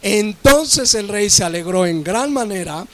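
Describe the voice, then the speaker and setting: High-voiced man preaching a dramatic sermon. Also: lively intonation, a little slow, a bit bright. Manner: preaching with dramatic, rising and falling delivery. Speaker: pastor.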